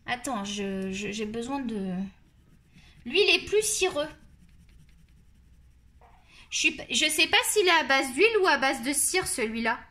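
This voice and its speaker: A French woman with a Marseille accent hosts a coloring channel, chatting and rambling as she tries out colored pencils on camera and pokes fun at herself. Her voice sits high and sounds bright and forceful, with lively intonation, a measured pace, and frequent pauses.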